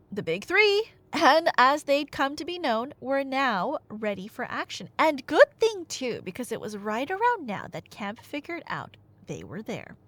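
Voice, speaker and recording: Playing a chatty girlfriend in ASMR-style roleplay, a woman recounts a myth with casual drama and dry side comments. Her voice is a little high and a bit bright, recorded with no room sound.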